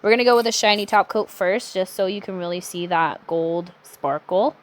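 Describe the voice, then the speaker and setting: A young adult woman talking through a nail art tutorial in a chatty, relaxed way, with self-correcting asides. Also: medium pitch, moderate pace. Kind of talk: casual step-by-step tutorial narration.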